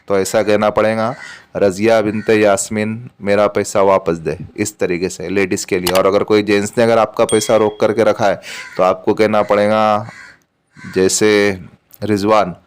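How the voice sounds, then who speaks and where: A man's voice: on the low side, clean tone. A man teaching a spiritual remedy step by step, patient and repetitive, restating each point several times. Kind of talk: step-by-step religious instruction.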